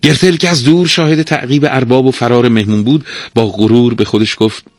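A man narrating a storybook aloud, expressive and lively. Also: medium pitch, no room sound.

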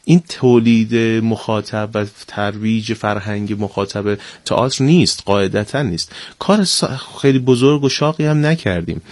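Low-voiced man, measured, dry sound. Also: darkish tone, no echo. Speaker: guest, theater director. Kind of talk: formal studio interview.

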